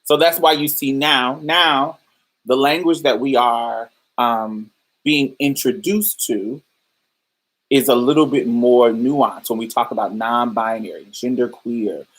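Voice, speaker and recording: A woman with an extremely low-pitched voice hosts a casual livestream podcast, heard on a rough recording. She explains ideas to listeners in a loose, thoughtful way, full of fillers and restarts.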